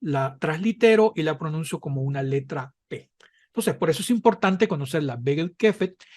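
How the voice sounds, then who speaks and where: A man teaching a Hebrew language class, explaining patiently and often pausing with "eh" or checking in with "¿verdad?". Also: fairly high pitch, animated, darkish tone. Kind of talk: online class lecture.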